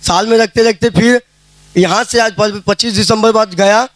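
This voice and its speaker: A man's voice: sits high, fairly even intonation, moderate pace, a bit bright, no room sound. A man giving a casual spoken testimony at a prayer meeting, telling his story plainly and acting out the dialogue he quotes. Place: prayer hall.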